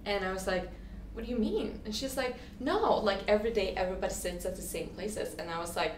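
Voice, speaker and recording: She speaks briskly and expressively in a mid-range voice: a twenty-something woman from Sweden, guesting on a casual interview and telling her story. Lots of "like," lots of restarts, a chatty style, and frequent acted-out quotes. Echo fills the room over faint ambient noise.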